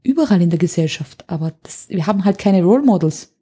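In a lowish, mellow voice with a breathy edge, the anger coach speaks expressively and quickly. As a podcast guest in a conversational interview, she explains emphatically through vivid examples.

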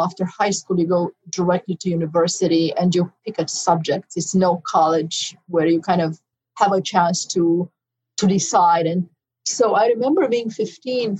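A woman's voice: on the low side, a little mellow, slightly rough, low-quality recording. A middle-aged woman with a Romanian accent, a physician guest recalling her past in an interview in a reflective, storytelling way. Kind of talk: interview conversation.

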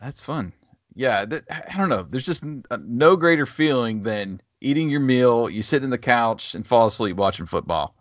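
Lively-pitched rambling male podcaster. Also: moderate pace, dry recording, dull audio. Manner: rambling, hesitant, lots of fillers. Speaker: podcast co-host. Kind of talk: casual chat.

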